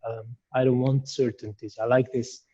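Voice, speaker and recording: A man's voice: medium pitch, flat delivery, normal speed, dark tone, husky, muffled recording. A man from Iraq, a sculptor, giving thoughtful, searching answers in an interview with many restarts.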